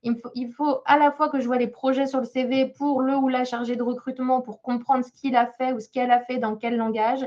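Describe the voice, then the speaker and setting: Woman job coach reviewing a CV in a webinar, talking hesitantly with many fillers, a fairly high voice, and a muffled lo-fi sound. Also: level tone, brisk, hardly any pauses, a little mellow. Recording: slightly dull lo-fi sound.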